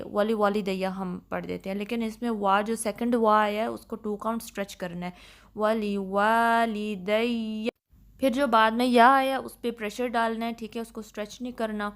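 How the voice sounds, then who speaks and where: A woman teaching a step-by-step recitation lesson, patiently explaining pronunciation and mixing English terms into her speech. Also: a little high. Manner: patient, instructive, mixes English terms into Urdu.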